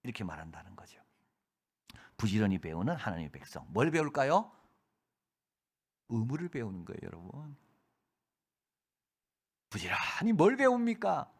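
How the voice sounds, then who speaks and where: A middle-aged male pastor preaching a sermon with a lively, swooping voice. His pitch rises and falls widely from one phrase to the next. He acts out quoted voices and sometimes drops to a hushed whisper to stress a point. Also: slightly rough.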